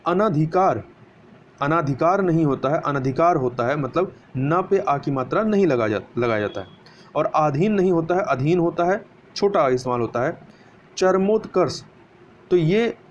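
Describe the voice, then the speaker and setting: A man teaching a spelling lesson for exam preparation, explaining step by step and answering his own questions. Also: on the high side. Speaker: Hindi grammar teacher. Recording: dull lo-fi recording with faint hiss.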